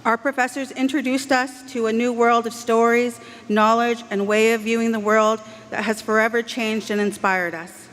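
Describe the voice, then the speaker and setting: A woman from Canada giving a formal graduation address, measured, earnest and heartfelt, speaking into a podium microphone. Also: fairly high pitch, little pitch movement, fairly bright tone. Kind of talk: formal convocation speech. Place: large indoor ceremony hall. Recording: long hall reverb, faint background hiss.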